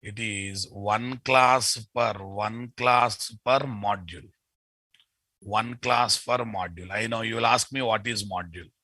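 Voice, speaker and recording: Forceful Telugu-accented Indian man teaching. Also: on the low side, steady tone, a little slow, no echo. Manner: emphatic, repeats key phrases, checks understanding with questions. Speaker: programming instructor. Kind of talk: live online class lecture.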